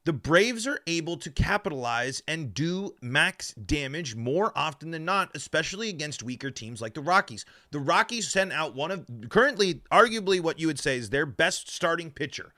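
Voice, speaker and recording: A man's voice: a little high, sing-song, moderate pace, pushed and bright. A man hosting a live sports podcast, his mouth numb from the dentist, talking emphatically with stumbles and repeated words. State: mouth numb from dental work.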